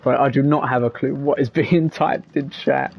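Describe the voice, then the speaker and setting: A man's voice: medium pitch, fairly even intonation, normal speed, slight background noise. A man, live-streaming a game and chatting casually, rambling as he reads out chat messages. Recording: slightly dull lo-fi mic with faint game music.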